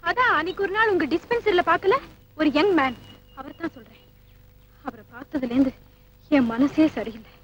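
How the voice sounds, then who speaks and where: A woman's voice: sits high, brisk, pauses often, close to an everyday voice, low-quality recording. An actress playing an earnest, easily upset young woman in a film comedy, pleading and tearful. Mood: worried. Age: young adult.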